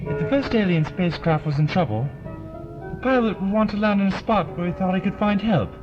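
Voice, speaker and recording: An actor playing an eccentric, fussy time traveller in an audio drama, with a theatrical, whimsical manner. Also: male voice, high-pitched, a little fast, lightly acted. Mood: pondering. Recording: dull lo-fi audio drama, loud music underneath.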